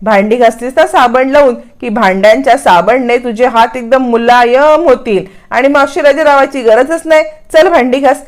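A woman's voice: high voice, moderate pace, hardly any pauses, close to an everyday voice. A woman voicing a domineering mother-in-law who scolds and gives orders. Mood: scolding. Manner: scolding, bossy.

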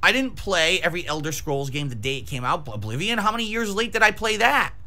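A man in his forties rants at his livestream chat in a fairly high, bright and forceful voice. He is agitated and combative, swearing freely and repeating phrases to drive each point home. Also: fast. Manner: profane, emphatic, repeats phrases for emphasis. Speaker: variety game streamer. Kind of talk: livestream rant to chat viewers. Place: small decorated home streaming room, indoors. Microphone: close desk microphone with pop filter.

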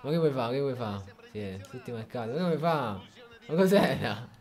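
A young man, hosting a gaming video and commentating a football match with loud excitement. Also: mid-range voice, moderate pace. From Italy. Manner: excitable, shouts and groans with each play. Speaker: gaming YouTuber.

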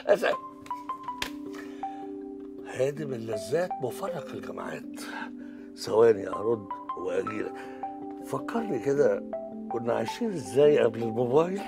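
A middle-aged Egyptian father, chatty and theatrical. His voice is gravelly and swings lively up and down. A music bed plays clearly underneath. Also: mid-range voice, moderate pace, pauses often. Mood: wry. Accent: Egyptian Arabic. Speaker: father of four daughters. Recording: TV drama with background score.

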